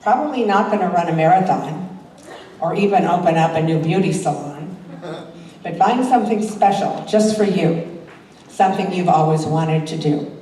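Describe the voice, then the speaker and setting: At a church talent show, an older amateur poet introduces her poems and reads them aloud to the audience. Her voice is lowish and mellow, at normal speed, and the recording has a very echoey hall, a faraway mic and faint noise.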